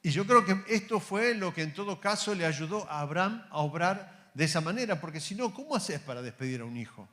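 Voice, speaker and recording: An Argentine man preaching in a church, his voice sitting a little high. He calls his listeners brothers and presses them with rhetorical questions. When he quotes God he drops to a soft, slow voice. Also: expressive. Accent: Argentine Spanish. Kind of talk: sermon.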